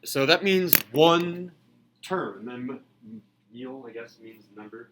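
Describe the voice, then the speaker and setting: A man's voice: medium pitch, lively intonation, takes it slowly, fairly bright tone, slight background noise. Man teaching algebra to a class. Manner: calls on students, asks questions. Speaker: math teacher. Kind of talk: classroom lecture.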